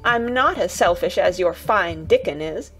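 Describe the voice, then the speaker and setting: A woman's voice: fairly low pitch, lively intonation, moderate pace, soft background music. A woman voicing a sickly, spoiled young boy in a storybook reading, whiny and demanding. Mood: petulant. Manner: whiny, demanding, rising to shouts.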